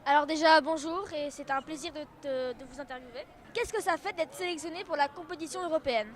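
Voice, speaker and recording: A woman's voice: high voice, fairly quick. A female reporter asking prepared interview questions.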